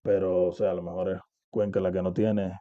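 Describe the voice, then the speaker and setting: Man, interview guest, low and dark, reflective, dry lo-fi recording. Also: little pitch movement, a little fast, dry recording. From Cuba. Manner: reflective, uses many fillers and "¿entiendes?". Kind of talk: casual interview talk.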